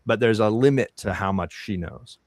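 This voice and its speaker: A man running a tabletop role-playing game as game master, explaining casually and often halting to think aloud. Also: lowish voice, a little mellow, no room sound, studio quality.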